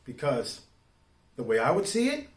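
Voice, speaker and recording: A man in a roomy, echoing space gives his informal take as an online commentator, speaking street slang with deliberate emphasis. He often asks the listener rhetorical questions, and his mid-range voice swings enormously in pitch.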